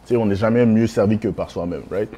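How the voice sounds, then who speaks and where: A man's voice: on the low side, fast, highs cut off, slight background noise. A man, a music producer telling his story animatedly in a casual interview. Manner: animated storytelling, acts out his own thoughts.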